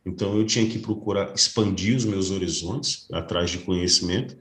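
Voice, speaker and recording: A man's voice: sits low, fairly quick, fairly bright tone, reverberant. A man, a security guard telling his story earnestly as a guest in an interview. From Brazil. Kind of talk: casual interview.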